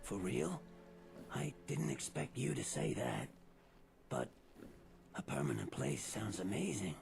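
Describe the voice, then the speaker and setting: An actor playing a theatrical ghoul man in a video game, with a raspy voice and a grandiose way of talking. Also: medium pitch, sing-song, unhurried, darkish tone, faint music behind, exaggerated voice. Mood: delighted. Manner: grandiose and theatrical, dropping into weary plain talk. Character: theatrical ghoul man posing as pompous alien interloper-hunter. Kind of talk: video game character dialogue.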